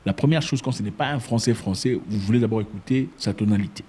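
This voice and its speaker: Animated man talking to camera. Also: fast talker, slightly rough. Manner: animated and emphatic, with sudden high pitch jumps and mock voices. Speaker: commentator. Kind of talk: casual opinion talk to camera.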